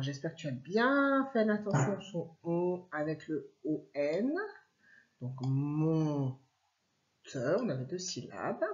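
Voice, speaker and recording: A woman teacher giving a dictation to young children, slowly stretching out each word and spelling out letters. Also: lowish voice, darkish tone, dull audio. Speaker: primary school teacher.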